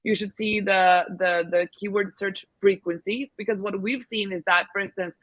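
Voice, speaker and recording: A woman guest expert on selling abroad fields questions during a video call, offering casual advice with lots of fillers and restarts. She speaks at a moderate pace with a medium pitch and steady tone, captured in a dry recording.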